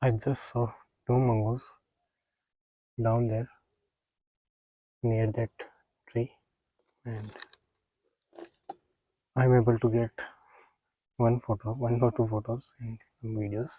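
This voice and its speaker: A man narrating a casual outdoor wildlife vlog in a halting, unhurried, understated way. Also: mid-range voice, flat delivery, dark tone, no room sound, rough recording. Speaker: wildlife photographer vlogger. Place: outdoors in nature, close dry sound.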